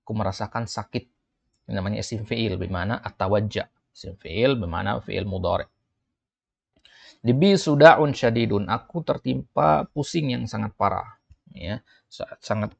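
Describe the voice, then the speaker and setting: A man teaching an Arabic textbook dialogue in class style, reading the Arabic lines slowly and then translating and explaining them. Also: creaky, no room sound. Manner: lifts his voice when reading quotes, drops low for asides. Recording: dull, muffled dry recording.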